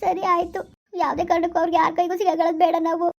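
A woman's voice: very high-pitched, flat delivery, quick pace, gravelly. A woman playing an anxious teenage girl who has run away with her lover, pleading and fretful. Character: teenage girl Navya, tearful, anxious runaway. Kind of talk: village skit acting. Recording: dull lo-fi recording.

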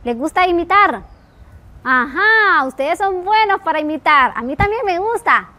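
A woman in her thirties from Honduras, a preschool teacher giving a televised lesson in a slow, sing-song, affectionate way to small children. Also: very high-pitched, animated, sharp tone. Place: classroom, then outdoor garden.

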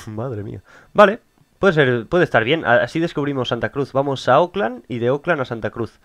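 A man's voice: mid-range voice, animated, normal speed. Rambling young Spanish gamer man. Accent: Spain Spanish. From Spain. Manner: rambling, chatty, self-mocking, laughs often. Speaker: gaming YouTuber. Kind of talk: casual let's-play commentary. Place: home bedroom studio. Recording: loud driving game engine noise behind.

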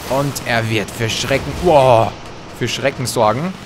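A young man gives lively, trash-talking commentary over his own gameplay, humming and muttering to himself. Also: medium pitch, measured pace, background noise. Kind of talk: excited let's-play commentary. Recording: game sound effects and gunfire behind voice.

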